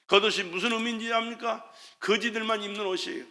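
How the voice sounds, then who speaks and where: A pastor delivering an impassioned sermon, his voice pitched very high with a sharp, forceful brightness. He climbs to shouted cries, then drops to hushed, almost whispered lines. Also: fairly even intonation, fast talker.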